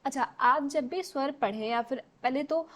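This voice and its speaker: A woman's voice: high voice, moderate pace. A woman teaching an exam revision lesson. She explains step by step, mixes in English words and keeps checking with the class.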